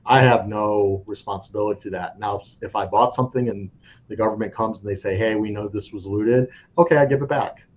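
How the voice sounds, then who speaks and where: A coin dealer appears as a guest in a casual interview, talking a little fast in a lowish voice. He is frank and rambling, often restarting sentences, and the lo-fi recording sounds dull with faint noise.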